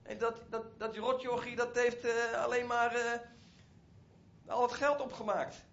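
A man's voice: very high-pitched, little pitch movement, a little slow, creaky, fairly bright tone, muffled recording, exaggerated voice. A man voicing a jealous grown elder son who complains indignantly about being overlooked. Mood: resentful.

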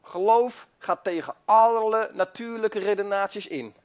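A man's voice: sits high, a little slow, highs cut off. A man preaching a sermon with fervent, repetitive exhortation and rising emphasis.

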